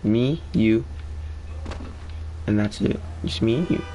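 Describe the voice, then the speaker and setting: A man's voice: on the low side, takes it slowly, warm tone, lo-fi sound, slight background noise. Slangy young man telling a story. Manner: casual, slangy, swearing. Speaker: gaming vlogger. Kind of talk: storytime narration.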